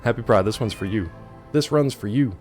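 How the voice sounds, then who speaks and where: A man's voice: on the low side, fairly quick, a little mellow, faint music behind. A man giving casual, rambling gameplay commentary, joking playfully as he chats with his viewers. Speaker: game streamer.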